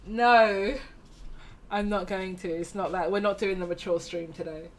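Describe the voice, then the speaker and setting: A woman's voice: mid-range voice, fairly even intonation, moderate pace, a little hiss or hum. Chatty teasing woman streamer. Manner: chatty, teasing, affectionate, laughs often. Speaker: streamer host. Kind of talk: casual stream chat.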